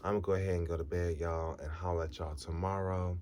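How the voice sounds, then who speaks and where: A man's voice: low voice, flat delivery, fast talker, darkish tone. A tired, sleepy man vlogging a casual, rambling recap of a TV episode. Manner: chatty, rambling storyteller.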